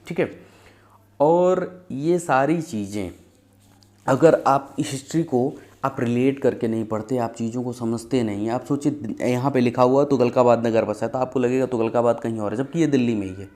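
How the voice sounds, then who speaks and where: A man's voice: mid-range voice, normal speed, a little mellow. A man giving a conversational exam-prep history lesson, telling it as stories and often checking in with "ठीक है". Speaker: history teacher.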